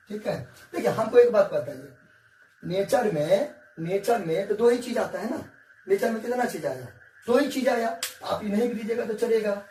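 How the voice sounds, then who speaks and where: A male teacher with a high-sitting, darkish voice gives a science lesson at the whiteboard, coaxing and repeating himself while often checking that students follow. The recording is echoey, with a distant mic and faint hiss.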